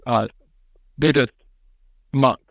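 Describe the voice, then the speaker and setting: A man on a podcast, retelling a story in casual chat, animated and acting out quotes with casual swearing. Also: mid-range voice, drawn-out words, vocal fry, dry recording. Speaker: podcast co-host.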